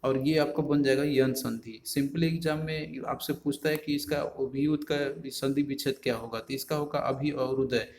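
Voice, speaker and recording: A man's voice: medium pitch, darkish tone. A man teaching an exam-prep Hindi grammar lesson, explaining rules step by step with rhetorical questions. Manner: explanatory, repeats filler words, rhetorical questions to students.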